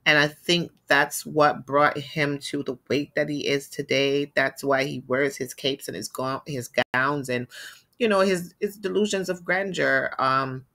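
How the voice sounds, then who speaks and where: A woman's voice: low voice, fairly even intonation, a little slow, bright, forceful tone. A woman hosting a celebrity gossip show, telling the story in a chatty, opinionated way, full of "you know" fillers. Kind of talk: casual gossip commentary.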